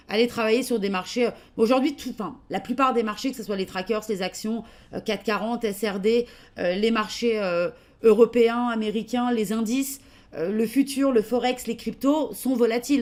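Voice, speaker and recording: Presenting trading software live, this French-accented woman talks fairly quickly in a voice on the high side. She reads questions aloud and answers them casually, hesitating and leaning on fillers often.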